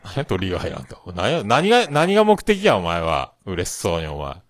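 A man in his late forties from Fukuoka with a Hakata dialect, casually ribbing his friend over a video call in a gruff, mock-insulting way. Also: low-pitched, wildly swooping pitch, a little fast, no echo, studio quality. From Fukuoka, Japan. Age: late 40s. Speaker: podcast co-host.

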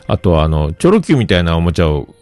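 A man's voice: low voice, fast. A man, telling rambling stories in a casual solo livestream. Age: 50s. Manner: animated, rambling anecdotes with many fillers. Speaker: livestream host.

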